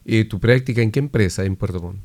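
A man's voice: lowish voice, quick pace, darkish tone, no room sound. A man hosting a weekly radio interview, friendly and conversational as he asks his guest questions. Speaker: radio host.

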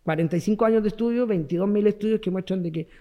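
Emphatic Chilean man, higher voice. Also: rapid-fire, mellow. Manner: explanatory, emphatic, repeats key words. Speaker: guest parenting expert. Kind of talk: radio and TV interview.

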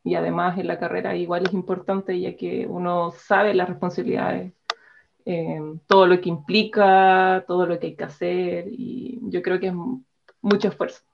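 A woman's voice: fairly low pitch, flat delivery, normal speed, creaky, highs cut off, a little hiss or hum. A young woman with a southern Chilean accent, a student guest answering interview questions in a friendly, hesitant way. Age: young adult.

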